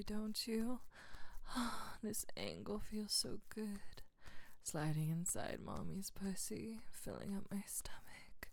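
Woman, low-ish voice, slow unhurried delivery, breathy teasing whispers for intimate roleplay. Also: a little mellow, no room sound. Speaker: audio roleplay performer.

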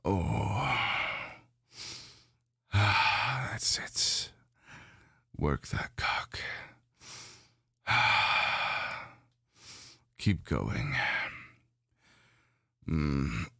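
A lustful, domineering dragon, as a man acts it out, growling slow, gloating commands in a voice pitched extremely low. The sound is gravelly and unhurried. It is recorded dry and close, like an audio roleplay. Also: dry recording, full character voice.

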